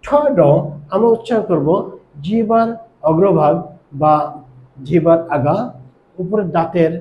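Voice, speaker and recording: High-voiced Bangladeshi male teacher, echoey room. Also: mellow, slight background noise. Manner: slow, step-by-step explaining with pauses and "ah" fillers. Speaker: English teacher. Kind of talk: pronunciation lesson.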